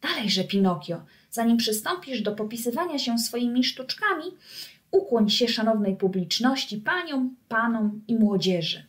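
A grandiloquent male circus ringmaster from a children's storybook, voiced by a woman reader, declaiming in slow, puffed-up tones. He stretches his words out grandly and talks down to his audience. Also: on the high side, expressive, lightly acted. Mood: pompous. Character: pompous male circus director, grandiloquent showman.

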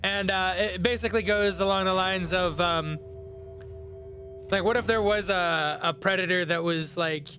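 A man's voice: sits high, steady tone, normal speed, bright, forceful tone, faint music behind. A young man co-hosting a let's play, chatting casually with lots of fillers, restarts and giggles. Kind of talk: casual gaming banter.

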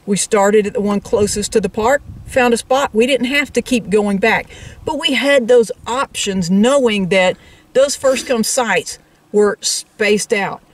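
A woman with a fairly high, unhurried voice co-hosts a travel vlog, heard from a distant mic. She explains things in casual, conversational chat aimed straight at the camera and her viewers.

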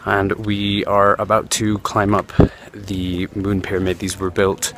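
A travel editor narrating a vlog outdoors at ancient ruins, chatty with many fillers, recording on a handheld camera. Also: male voice, on the low side, completely flat delivery, measured pace. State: out of breath while climbing. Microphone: handheld camera while climbing. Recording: outdoor crowd noise behind.

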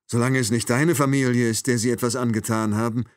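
A man's voice: mid-range voice, fairly even intonation, brisk, dry recording, clean studio sound, voice pushed up, close to an everyday voice. A man reading an audiobook, voicing a cold, mocking male killer who taunts his captive with sarcasm. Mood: taunting.

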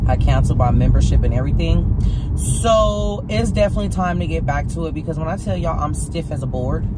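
Chatty woman vlogging from her car. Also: deep voice. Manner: chatty, talks straight to viewers, slangy. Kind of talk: casual car-talk vlog. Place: inside a parked car at night. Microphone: phone propped on a stand near the dashboard. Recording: loud car and street noise. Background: car air conditioning hum.

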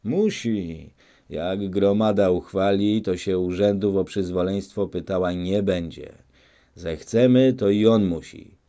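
A man reading an audiobook, voicing a fiery, insistent peasant agitator who shouts his case at the village men. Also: sits low, a little slow. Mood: heated, insistent.

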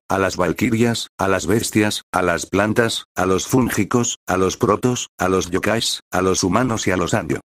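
A man voicing the heralds of the gods, announcing slowly and solemnly in a storybook reading. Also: sits low, no echo, clean studio sound, close to an everyday voice.

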